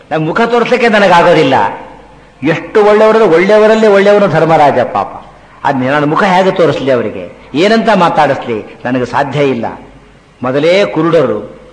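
A man giving a storytelling religious discourse, slowly chanting Sanskrit verses between lively retellings. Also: a little high. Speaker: religious lecturer. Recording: echoey hall with long reverb.

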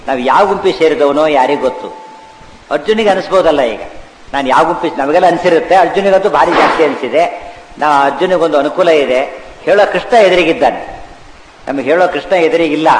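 A man delivers a devotional discourse, chanting scripture verses slowly and then unpacking them in plain talk. His voice sits a bit high for a man. The recording rings with a long echo from a large hall, over a faint hum of ambience. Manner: explanatory, chants scripture lines slowly, asks and answers his own questions. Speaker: religious teacher.

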